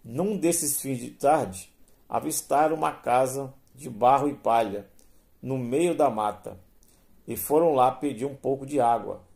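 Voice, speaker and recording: A male storyteller reads a tale aloud at a slow, measured pace. His voice is mellow and soft-edged, and his pitch sits in an ordinary middle range. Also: creaky. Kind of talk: reading a spoken story.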